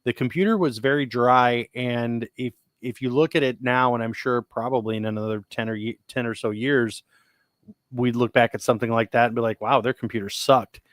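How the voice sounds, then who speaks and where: Male podcast co-host, casual rambler, even mid voice, dry studio sound. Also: mid-range voice, fairly quick, no room sound. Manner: rambling, restarts often, enthusiastic about sci-fi tech. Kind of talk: casual chat.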